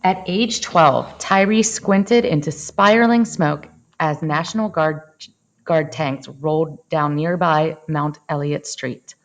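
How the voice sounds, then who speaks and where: A low-voiced woman reads a picture book aloud at an unhurried pace. It's an expressive storytelling narration for children.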